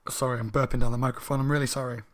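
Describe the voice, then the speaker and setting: Casting: a tipsy guy reviewing a book, rambling, mid pitch. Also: flat delivery, rapid-fire. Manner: rambling, tipsy, self-correcting.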